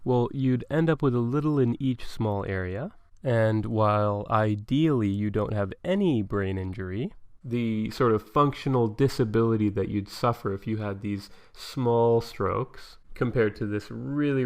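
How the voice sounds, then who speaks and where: Male lesson narrator, fairly low pitch, casual explainer who asks and answers his own questions. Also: darkish tone. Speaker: medical explainer.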